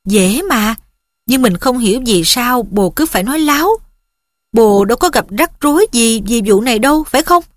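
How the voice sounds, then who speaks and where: A woman reads a jealous teenage boy who needles his best friend with sarcasm, in a higher voice that rises sharply at the digs. The storybook sound is close and dry. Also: expressive, normal speed, no echo, natural voice. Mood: sarcastic.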